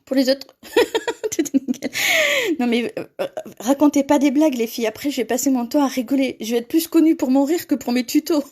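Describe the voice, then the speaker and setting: A woman's voice: high voice, quick pace, warm tone. A woman hosting a live paper-craft tutorial, chatting with viewers and laughing often as she reads their comments.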